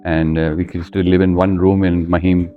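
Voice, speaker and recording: An Indian man in his seventies, speaking with an Indian accent, recounts his life as an interview guest in a plain, anecdotal, conversational way. His voice is low with little pitch movement and a normal pace. The audio is narrow and tinny, with faint music in the background.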